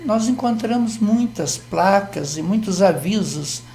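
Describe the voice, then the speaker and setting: An older Brazilian man teaching grammar on television, with a gravelly, dark tone. He explains patiently, step by step, tossing in small questions to check his listener follows. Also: high voice, expressive, a little slow, a little hiss or hum. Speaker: Portuguese language teacher.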